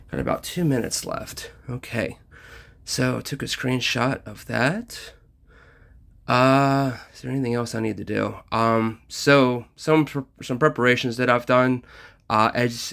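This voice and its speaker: A man's voice: mid-range voice, fairly bright tone. A man casually talking through a mobile game session, slightly out of breath and full of ums and uhs. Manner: rambling with many ums and uhs. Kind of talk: casual gameplay commentary.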